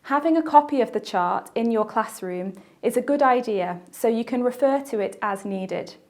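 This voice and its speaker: A woman with a British accent giving a scripted, measured teaching narration for a language course, pausing to let listeners reflect. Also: on the high side, lively intonation, darkish tone. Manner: measured, clear teaching delivery with pauses for reflection.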